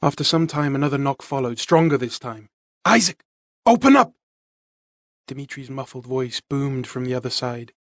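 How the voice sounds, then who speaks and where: A man narrates a story in the first person, measured and dramatic. His voice sits at a middle pitch and is recorded close and dry. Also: steady tone, no echo. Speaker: audiobook narrator.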